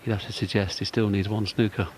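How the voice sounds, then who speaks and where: A man's voice: lowish voice, flat delivery, fast talker, darkish tone, a little hiss or hum. A man giving analytical live snooker commentary as a broadcast commentator.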